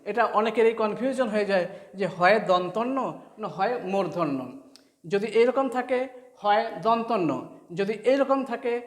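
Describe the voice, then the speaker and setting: A man teaching a spelling and pronunciation lesson, speaking slowly and repeating each sound several times. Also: sits high. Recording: echoey room.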